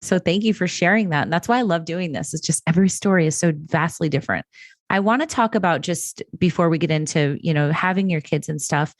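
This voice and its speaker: Low-pitched woman hosting a podcast, dry sound. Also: fairly quick, no echo. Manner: friendly, affirming interviewer. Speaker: podcast host. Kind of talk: casual interview conversation.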